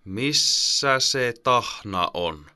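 A man's voice: fairly low pitch, animated, sharp tone. A man voicing a mother in an audiobook, coaxing and firm with her children. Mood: stern. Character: patient but firm mother. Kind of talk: audiobook character voice.

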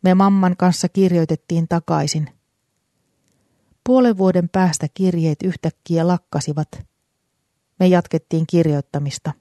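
A narrator reading a story aloud in a calm, even storytelling manner. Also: medium pitch, long pauses, no room sound, studio quality. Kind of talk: audiobook narration.

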